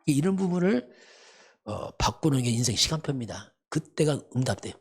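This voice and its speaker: A man's voice: medium pitch, big pitch swings, moderate pace, slightly rough. A man preaching a sermon as pastor, emphatic and repetitive, often asking rhetorical questions. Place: church sanctuary.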